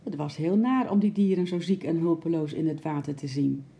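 A woman narrating a children's story aloud in a gentle, expressive way. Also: sits low, a little fast.

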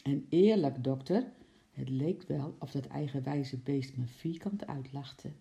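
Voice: medium pitch, unhurried, creaky, warm tone. A reader doing a flustered, stammering zookeeper. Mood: gloomy. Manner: stammering and out of breath, later gloomy. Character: flustered stout male zookeeper. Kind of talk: storybook reading.

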